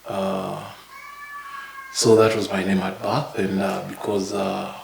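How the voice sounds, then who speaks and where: A man in his thirties from Uganda, a podcast guest telling his life story in a halting way with many fillers and little chuckles. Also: sits low, flat delivery, vocal fry, reverberant, background noise. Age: 30s. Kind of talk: casual interview, life story.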